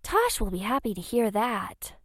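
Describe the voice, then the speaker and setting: A worried teenage girl talks in a raised, lively voice that swings up and down as she frets about a curse. The sound is close and dry, with no room around it, as a male narrator puts her on. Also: sits high, normal speed, no room sound, pitched above the performer's own voice. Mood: anxious. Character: anxious teenage girls, high school friends.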